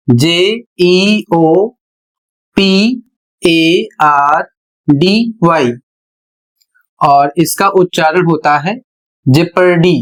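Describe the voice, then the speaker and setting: A man teaching a spelling and pronunciation lesson, spelling words out letter by letter in a slow, deliberate way. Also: high voice. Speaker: English teacher.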